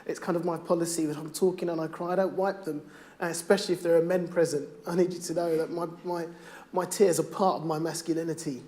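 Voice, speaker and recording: A middle-aged father speaking on stage, performing spoken word poetry with a rhythmic, rhymed delivery that swings from hushed to loud. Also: a little high, steady tone, fast talker.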